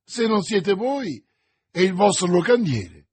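A fiery young musketeer, voiced by a man reading an audiobook, high and husky, urgent and pleading. He pushes every line up in pitch and volume. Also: slow pace, heavily acted. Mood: questioning. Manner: excited, pleading, raised pitch. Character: young hot-blooded male musketeer, impassioned. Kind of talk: audiobook character voice.

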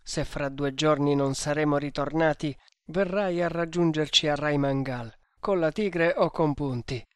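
A proud, fearless hunter from a storybook reading, as a man voices him, issuing curt orders that brook no reply. The tone is fairly high for a man and the sound is dry and close. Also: unhurried, clear, resonant tone, no room sound, natural voice. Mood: commanding. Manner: commanding, curt.

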